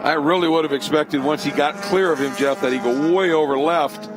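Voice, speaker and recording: A man's voice: fairly high pitch, fairly quick, music in the background. A man doing live motorsport commentary in a colloquial, exclamatory way. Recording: clear engine noise behind voice.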